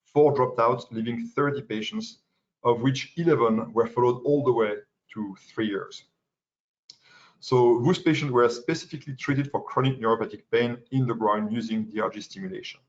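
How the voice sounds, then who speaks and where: French-accented young man, medical webinar lecturer, halting delivery, mid pitch, dull lo-fi audio. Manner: halting, many fillers and restarts. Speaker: pain medicine fellow presenting.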